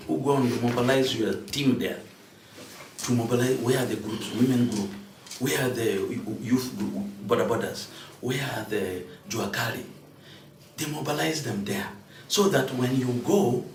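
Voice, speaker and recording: Speaking off the cuff at a security committee meeting, a male parliamentary candidate grows animated, his pitch rising and his volume swelling on points he stresses. The room echoes, he's picked up from a distance, and there's faint ambience plus slight background noise.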